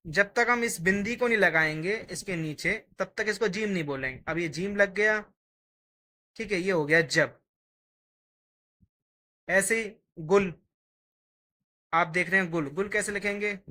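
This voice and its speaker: Slow patient urdu teacher, bright clear voice, spells out letters one by one. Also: medium pitch. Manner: slow, patient, repeats letters aloud while writing. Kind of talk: step-by-step writing lesson.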